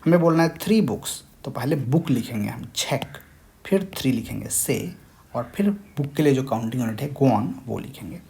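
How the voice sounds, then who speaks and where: A man's voice: medium pitch, lively intonation, moderate pace, vocal fry, darkish tone, slight background noise. Man teaching a language lesson. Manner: patient step-by-step explaining. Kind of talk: screen-share tutorial explanation.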